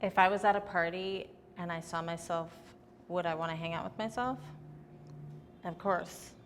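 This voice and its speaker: A woman's voice: on the low side, fairly even intonation, moderate pace, long reverb tail, slight background noise. A young adult woman, a comedian, giving candid, chatty answers in a casual interview.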